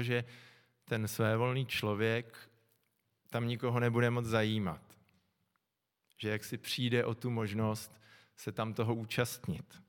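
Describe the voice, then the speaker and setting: A middle-aged man preaching a sermon, calm and reflective, often pausing to think aloud. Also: fairly low pitch. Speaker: pastor. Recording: long echo from a large hall.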